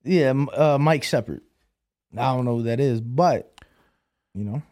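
A man's voice: medium pitch, a little slow, darkish tone. A man co-hosting a podcast in casual, informal chat with plenty of slang. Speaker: podcast co-host.

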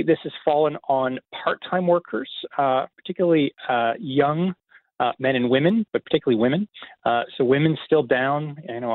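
A man, an economist guest, answering radio interview questions in a measured, explanatory way with many filler pauses. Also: mid-range voice, dry recording. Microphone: phone call. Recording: tinny phone line.

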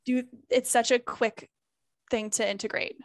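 A woman with a slightly higher-pitched voice talks in a candid, emphatic way. The sound is dry and close. She speaks as a guest in a relaxed interview and swears without hesitation. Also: a little slow, dry recording. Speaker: former group fitness instructor. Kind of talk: casual conversational interview.

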